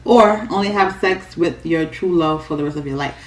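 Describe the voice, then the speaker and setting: A woman's voice: deep voice, normal speed, slight background noise. A young Jamaican woman chatting casually in a vlog, blunt and outspoken. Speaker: vlogger. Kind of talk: casual chat. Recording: roomy echo.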